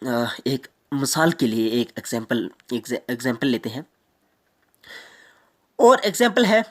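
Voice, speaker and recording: Lively man teaching a grammar lesson. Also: medium pitch. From Jammu and Kashmir. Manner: repeats each point slowly, mixing in English examples. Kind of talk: explanatory grammar lecture.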